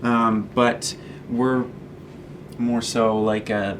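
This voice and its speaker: A young man from Canada, a student managing editor answering interview questions in a relaxed, rambling way with many ums. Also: medium pitch, very slow, background noise. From Fredericton, Canada. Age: young adult.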